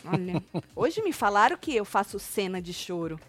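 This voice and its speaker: A woman's voice: medium pitch, sing-song, moderate pace, faint music behind. A woman with a Brazilian Portuguese accent, hosting a casual live gossip commentary and animatedly acting out what others said.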